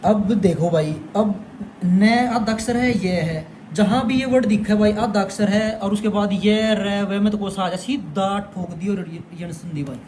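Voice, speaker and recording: Young guy teaching exam tricks, kinda high voice, chatty, bit of faint noise. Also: normal speed, darkish tone. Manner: chatty, repeats "bhai" to the viewer. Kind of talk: casual explainer lesson.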